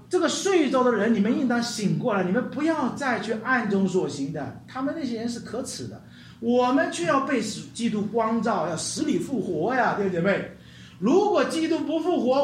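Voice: medium pitch, slight background noise. Emphatic preacher in a roomy hall. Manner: emphatic, rhetorical questions, calls on the congregation to repeat. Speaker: pastor. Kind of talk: sermon. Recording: roomy hall sound with faint guitar.

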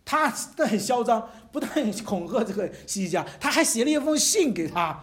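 A preacher delivering a sermon with a voice that climbs and falls all over the place. The delivery is animated and conversational, with small chuckles and frequent rhetorical questions to the congregation. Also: medium pitch, fairly quick. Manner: chuckles between phrases. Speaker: pastor.

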